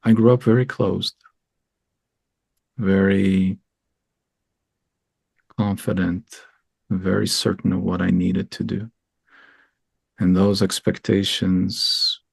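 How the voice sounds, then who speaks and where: Israeli guy on an interview, husky voice, thoughtful, lots of ums and restarts. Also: low-pitched, no room sound. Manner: earnest, thoughtful, halting with many ums. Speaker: guest. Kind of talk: reflective interview talk.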